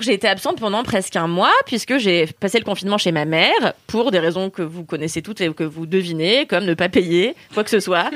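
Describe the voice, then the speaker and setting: A woman's voice: mid-range voice, dry recording. A young woman co-hosting a casual podcast, telling funny stories with laughter and acted-out quotes. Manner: lively, laughing storyteller, acts out quotes. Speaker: podcast co-host. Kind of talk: casual podcast chat, storytelling.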